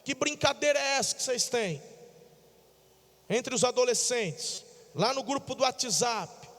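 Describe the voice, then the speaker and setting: Brief: Brazilian pastor, very high voice, chatty sermon, echoing church. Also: male voice, lively intonation, a little slow, fairly bright tone. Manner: colloquial, jokey, addresses congregation directly. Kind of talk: sermon with storytelling. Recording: long church hall reverb.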